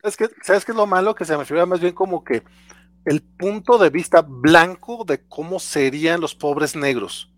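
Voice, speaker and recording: A man's voice: on the high side, normal speed, no echo. Stammering man, analytical chat. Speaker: podcast co-host. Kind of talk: casual chat.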